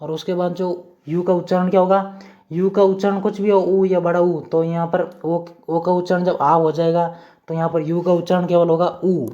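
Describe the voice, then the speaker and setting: A man's voice: high voice, little pitch movement, moderate pace, mellow. A man with an Indian accent teaching English pronunciation rules step by step, often asking a question and answering it himself. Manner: repetitive, asks and answers own questions. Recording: dull lo-fi sound.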